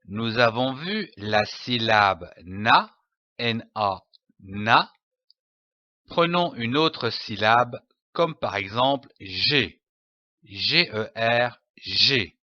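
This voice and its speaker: Man, reading teacher, sounds out syllables very slowly with a bright tone and a dry, somewhat dull recording. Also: medium pitch, lively intonation, dry recording. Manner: spells out letters and sounds deliberately. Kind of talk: slow syllable-by-syllable reading lesson.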